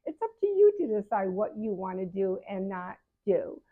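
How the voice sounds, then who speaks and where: With a medium-pitched, very animated voice at a moderate pace, a woman in her seventies talks frankly to her viewers as a patient advocate. It's casual advice delivered to camera, and she often revises herself partway through sentences. The audio sounds narrow, as if through a phone.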